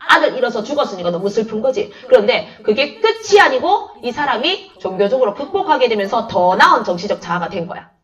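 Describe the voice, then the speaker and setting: A woman's voice: fairly high pitch, fairly quick, hardly any pauses. A woman literature teacher lecturing in a chatty way, telling anecdotes and acting out the lines of the people in them. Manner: chatty, animated storytelling, acts out dialogue. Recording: dull, slightly distant lo-fi sound.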